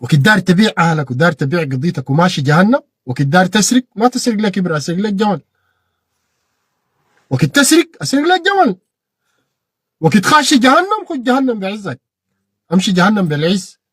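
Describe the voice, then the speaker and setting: A man with a Sudanese Arabic accent giving an impassioned political monologue, repeating phrases and bursting into shouted peaks. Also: sits high, animated, fast talker, breathy edge, no echo, clean studio sound. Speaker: political commentator.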